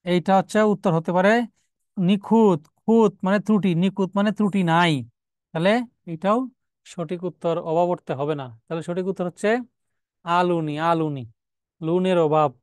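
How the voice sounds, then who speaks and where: A man's voice: sits high, fairly even intonation, normal speed, pauses often, a little mellow, clear, resonant tone, no room sound. A man teaching a live exam-prep grammar lesson, explaining step by step, repeating key words and asking rhetorical questions. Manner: reads out student names and comments.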